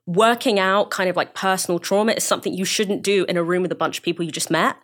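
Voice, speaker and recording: A woman university educator speaking as a guest in a casual panel discussion, thoughtful and measured. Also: fairly low pitch, fairly even intonation. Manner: thoughtful, measured, many fillers.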